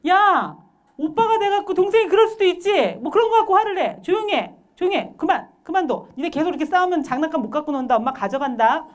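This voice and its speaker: Scolding mom voiced by a woman lecturer: high, loud and harsh, with sharp barked commands. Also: expressive, quick pace. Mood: yelling. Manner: shouting threats, harsh. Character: angry scolding mother of young children.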